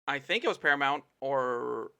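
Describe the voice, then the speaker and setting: A man's voice: mid-range voice, animated, moderate pace, creaky, pushed and bright, smooth. A man co-hosting a podcast in casual chat, telling a story with emphatic outbursts. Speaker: podcast co-host.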